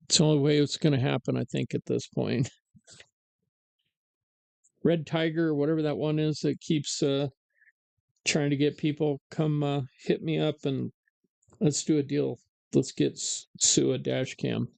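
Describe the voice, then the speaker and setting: A man's voice: a little high, steady tone, measured pace, gravelly, long pauses, darkish tone, no echo. A man hosting a live-streamed talk show, chatting casually and ranting sarcastically with plenty of fillers. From United States. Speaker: podcast host.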